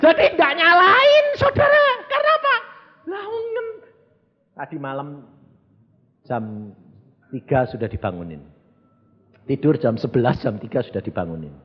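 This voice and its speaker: Animated preacher. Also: male voice, unhurried, pauses often. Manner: animated, swings from loud exclamations to low murmurs. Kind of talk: sermon with storytelling. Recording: dull recording with long hall reverb.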